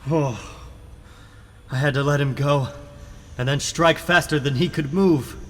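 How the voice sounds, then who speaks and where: A man's voice: on the high side, a little slow. A man playing a determined young superhero who thinks aloud dramatically in a comic book reading. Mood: relieved, resolute. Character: earnest, determined young male superhero narrating his own fight. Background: loud music.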